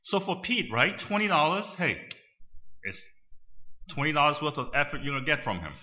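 A man's voice: on the high side, very animated, moderate pace, pushed and bright, dull audio. An older man telling a story to an audience in a conversational way, often checking in with "right?". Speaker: speaker addressing an audience. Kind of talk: storytelling talk.

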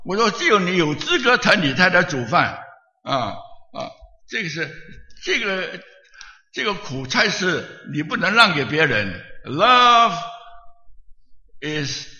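A male pastor with a very bright, forward voice that sits a little high. He tells his sermon as an animated story with chuckles along the way. The sound comes from a roomy hall with a long echo and a slightly dull, muffled recording. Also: a little slow.

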